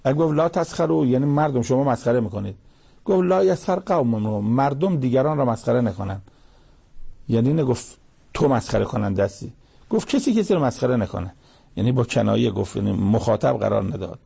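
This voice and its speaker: A man giving a sermon that explains Quranic verses line by line and grows animated when he acts out quotes. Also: medium pitch, vocal fry, breathy edge. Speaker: preacher.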